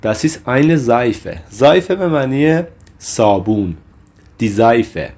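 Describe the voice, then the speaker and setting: Low-voiced Persian-speaking man teaching German. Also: a little mellow. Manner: slows down sharply for German example phrases. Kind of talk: explaining a German lesson.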